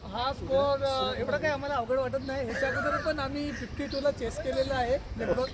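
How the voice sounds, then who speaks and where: A man's voice: very high-pitched, fairly even intonation, brisk. A man answering interview questions as team captain, sounding confident after a few hesitations. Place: outdoor cricket ground. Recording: far from mic amid loud crowd.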